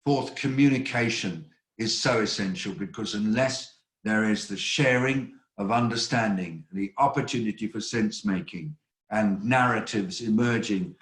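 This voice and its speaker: Older guy hosting an online briefing, lowish voice, measured and earnest, lots of uhs, roomy echo on the call. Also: fairly bright tone. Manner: measured, earnest, with frequent hesitations. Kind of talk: spoken briefing remarks. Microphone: video call.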